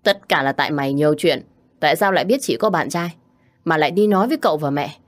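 A woman voicing a stubborn, sharp-tongued young adult daughter with an indignant manner in a spoken story. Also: fairly low pitch, animated, moderate pace, breathy edge. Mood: angry.

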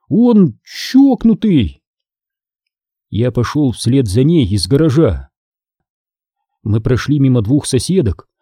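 A man narrating an audiobook in a lively storytelling manner. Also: mid-range voice, slightly rough, dry recording, clean studio sound.

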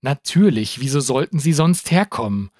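A man's voice: mid-range voice, expressive, moderate pace, a little mellow, no echo, clean studio sound, natural voice. A man voicing a persistent woman reporter who asks pointed, challenging questions. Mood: brisk.

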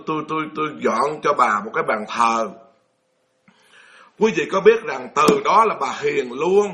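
A man's voice: on the high side, sharp tone. A man with a Southern Vietnamese accent, a Buddhist monk telling a folksy story in a dharma talk and putting questions to his audience. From Mekong Delta, Vietnam.

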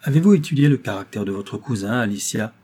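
A man reading the part of a cold, secretive young noblewoman who speaks in a grave, measured tone. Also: lowish voice, animated, warm tone, breathy edge.

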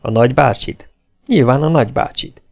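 A man voicing a smooth, confident male spy. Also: mid-range voice.

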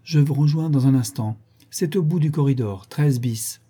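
A man voicing an effusive, teasing French theatre director in a storybook reading, pitched above his narrating voice. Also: normal speed, warm tone, husky, lightly acted. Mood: jovial. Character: jovial, talkative middle-aged French theatre director.

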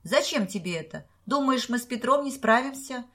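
A woman's voice: on the high side, lively intonation, moderate pace, a bit bright, pitched above the performer's own voice. A woman reading the part of a genial middle-aged man, jovial and teasing, in a storybook.

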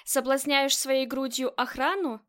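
Woman reading as a soft, doting husband, gentle and fond, audiobook character. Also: sits high, fairly even intonation, unhurried. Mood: tender. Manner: soft and affectionate. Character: tender, doting middle-aged husband.

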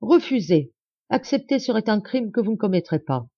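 A woman's voice: sing-song, fairly quick, dark tone, no room sound, highs cut off. A woman voicing an anguished young woman who pleads urgently with her father. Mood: pleading. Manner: pleading, high and intense.

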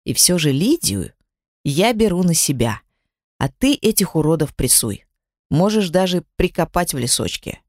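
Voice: medium pitch, big pitch swings, normal speed, no room sound. A reader voicing an insistent, guilt-ridden grandmother in an audiobook, with a dry close sound. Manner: sharp, insistent.

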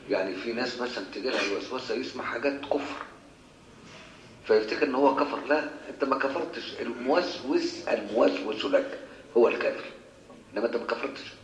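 In a mosque, a sheikh with an Egyptian accent handles questions from worshippers in an informal Q&A lecture, often asking his listeners rhetorical questions. His voice sits at medium pitch, captured in an echoey room on a muffled recording with slight background noise.

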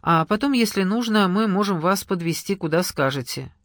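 A man's voice: high-pitched, expressive, fairly bright tone, dry recording, clean studio sound. Reader doing earnest young man, urgent, pleading, audiobook. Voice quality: pleading, hurried. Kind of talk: audiobook character reading.

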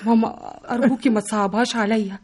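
A young Egyptian woman in a radio drama, a devoted daughter who is earnest and reassuring. She talks quickly in a slightly high, breathy voice. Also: steady tone, a little mellow. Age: young adult.

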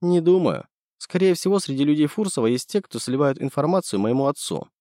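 A man voicing a sharp-tongued young woman. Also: fairly high pitch, animated, fairly quick, dry recording, studio quality, pitched above the performer's own voice, natural voice. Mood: guarded. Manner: teasing, guarded.

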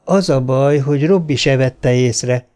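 A man's voice: medium pitch, a little mellow, lightly acted. A man voicing a cold, strict mother who speaks curtly and scolds in an audiobook story. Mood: scolding. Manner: curt and scolding.

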